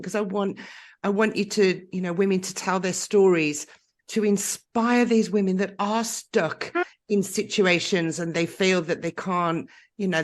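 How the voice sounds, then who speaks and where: A woman hosting a podcast interview, encouraging and openly emotional with her guest. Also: medium pitch. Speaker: podcast host.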